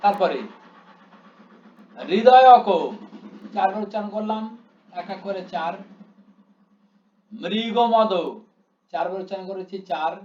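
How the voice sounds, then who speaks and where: A man's voice: high-pitched, steady tone, fast, a little mellow. A man teaching a class, explaining step by step and drawing out syllables to show how long they are. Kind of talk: classroom lecture. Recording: echoey room, dull lo-fi sound.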